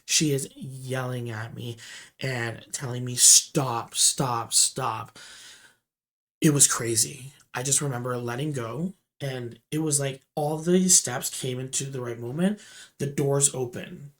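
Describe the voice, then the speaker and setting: A mid-pitched storyteller recounting a shift as a store manager. The delivery rambles with restarts and keeps lurching from loud, emphatic bursts down to low murmurs. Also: unhurried. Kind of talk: storytime vlog.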